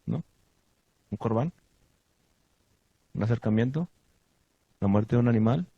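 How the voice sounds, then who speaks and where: A man giving a sermon to his congregation, asking the listeners many questions and stressing points with lively emphasis. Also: mid-range voice, a little slow, creaky, husky, no room sound, muffled recording. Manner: asks the audience many questions. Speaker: teacher of a congregation.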